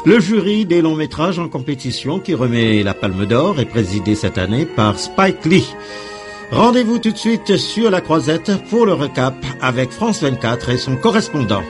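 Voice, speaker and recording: A man reading a scripted news introduction, brisk and formal. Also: a little high, sing-song, music in the background. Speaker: news presenter.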